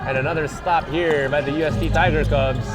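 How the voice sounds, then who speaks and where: A man's voice: a little high, fairly even intonation, fairly quick. A man doing live play-by-play commentary on a basketball game. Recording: thin band-limited sound, loud background music.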